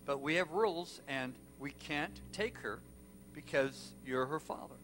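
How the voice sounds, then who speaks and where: A man's voice: fairly high pitch, a little slow, fairly bright tone. A man acting out a female orphanage receptionist who apologizes but holds firm to the rules. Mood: apologetic.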